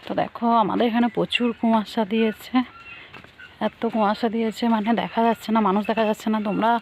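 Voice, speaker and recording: A woman talking softly and chattily into her phone outdoors in the cold early morning, sounding chilled. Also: on the high side, fairly even intonation, quick pace. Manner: soft, hushed, chatty. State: cold and shivering. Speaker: village vlogger. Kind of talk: casual vlog walkthrough. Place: outdoors in foggy fields at dawn. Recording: faint outdoor noise.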